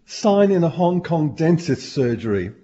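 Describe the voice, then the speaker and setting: Hoarse man, chatty radio talk. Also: fairly high pitch, very animated, measured pace, warm tone, lo-fi sound. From Australia. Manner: chatty, wry, reads out items. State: hoarse, clearing throat.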